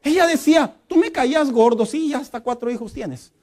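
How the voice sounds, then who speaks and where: A middle-aged male pastor, preaching a lively, humorous sermon and acting out quotes. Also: extremely high pitch, brisk, a faint crowd.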